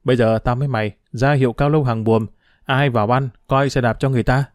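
A man voicing a scrappy, cheeky street urchin boy in an audiobook, talking fast and boastfully. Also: medium pitch, fairly even intonation, no echo, studio quality, lightly acted. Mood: cocky. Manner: boastful, quick, teasing. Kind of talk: audiobook character voice.

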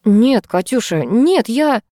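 A woman's voice: on the high side, very animated, slow, warm tone, no echo, studio quality, voice pushed up. A woman reading an audiobook, voicing a meek, guilty young man who mumbles his apologies.

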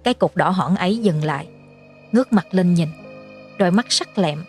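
A woman narrating a horror story in a measured storytelling manner. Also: fairly low pitch. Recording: faint music underneath.

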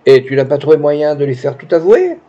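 A man's voice: a little high, sing-song, fairly quick, mellow. A man reading the lines of a young actress with pompous, gushing phrasing, in a dull lo-fi recording. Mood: scornful. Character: young woman, pretentious theatrical actress.

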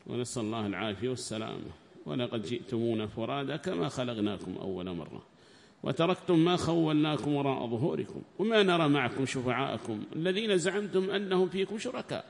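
A man's voice: mid-range voice, expressive, fast, creaky, a little hiss or hum. Man teaching Quran commentary, echoing hall. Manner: alternates loud raised reading of the commentary text with quieter plain explanation. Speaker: Islamic scholar teaching tafsir. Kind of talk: religious lesson explaining Quran commentary.

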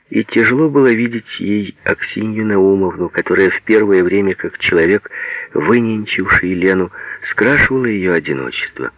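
A man narrates a literary audiobook in a measured, even way. His voice sits fairly low. It is recorded close and dry, and the sound is dull and lo-fi. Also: no room sound.

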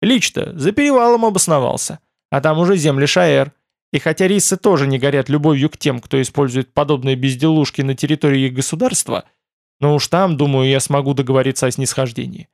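A man's voice: medium pitch, brisk, creaky, no echo, clean studio sound, close to an everyday voice. A man voicing a wry, easygoing young man who jokes and teases in an audiobook. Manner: joking, mildly sarcastic.

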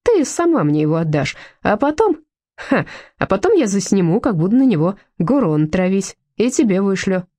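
A woman's voice: medium pitch, very animated, normal speed, warm tone, no echo, studio quality. A woman reading a storybook aloud, voicing a crude, mocking male shop director who bullies and boasts. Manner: sneering, boastful, snide laughter.

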